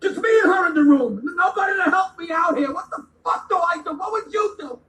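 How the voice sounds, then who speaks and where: Brief: man, high bright voice, heated comic rant, stammers and swears, recorded off-mic in a roomy space. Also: fairly quick, far from the mic. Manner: shouting, stammering repeats, swearing. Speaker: ranting guest segment speaker. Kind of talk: angry comedic rant. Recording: echoey room, away from the mic.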